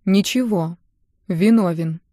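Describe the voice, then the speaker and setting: Woman reading as a terse, low-voiced husband. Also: slow pace, warm tone, dry recording, clean studio sound. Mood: muffled. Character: husband, broad-shouldered man, terse and calm.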